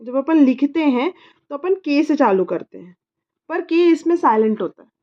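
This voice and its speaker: A woman's voice: sits high, lively intonation, normal speed, lo-fi sound. A woman teaching her child English body words, patiently repeating each word and spelling it letter by letter. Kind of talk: slow spelling lesson.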